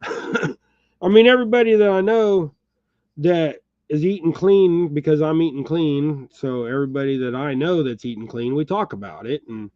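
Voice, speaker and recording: A man's voice: fairly high pitch, normal speed, a little mellow, no echo, muffled recording. A middle-aged American man with a slight Texas twang, chatting casually and chuckling as he ties fishing jigs and talks to viewers by name. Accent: Texas-tinged American, says y'all. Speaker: channel host. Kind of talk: casual chat while tying jigs. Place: home workshop.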